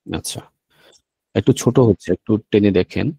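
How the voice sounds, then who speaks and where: A man with a Bangladeshi Bengali accent teaching an online language lesson, slow and patient, repeating each sound. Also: on the low side, steady tone, gravelly, warm tone, slightly rough, no echo.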